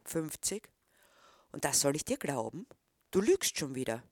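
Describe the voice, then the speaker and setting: A woman's voice: sits low, big pitch swings, unhurried, darkish tone, breathy edge, dry recording, studio quality, exaggerated voice. A woman reading the part of a disapproving middle-aged man who questions a boy. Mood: stern.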